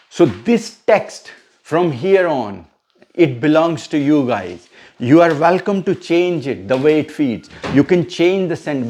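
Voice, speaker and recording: A man's voice: a little high, darkish tone. Man coaching future event hosts. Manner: explains step by step, checks in with listeners often. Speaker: MC trainer. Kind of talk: instructional coaching session.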